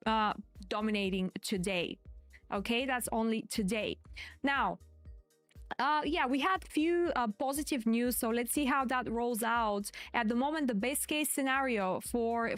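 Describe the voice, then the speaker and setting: Quiet but clear woman, high-pitched trading commentary. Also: dry recording. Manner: hesitant, self-correcting, repeats phrases. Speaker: trading stream host. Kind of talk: live market commentary, casual and explanatory.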